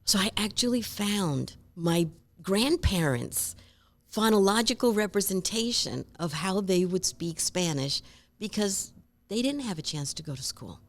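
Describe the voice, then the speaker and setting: A woman from Rico, a guest telling lively stories in an interview and acting out other people's voices. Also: mid-range voice, a little slow. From Puerto Rico. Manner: animated, acts out voices and accents in stories. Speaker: guest speaker. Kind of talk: conversational interview storytelling.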